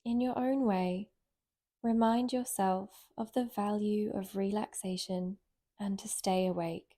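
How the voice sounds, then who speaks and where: This woman, a meditation guide teaching yoga nidra, talks listeners through relaxation very slowly in a warm, mellow, medium-pitched voice. Her intonation stays fairly even as she speaks soothingly, pausing long and without hurry between phrases.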